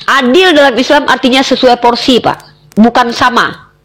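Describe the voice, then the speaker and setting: A woman's voice: on the high side, normal speed, fairly bright tone, a little hiss or hum. A woman arguing in a heated religious debate, emphatic and challenging, firing off rhetorical questions at the man across from her. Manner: repeatedly addresses the other man directly.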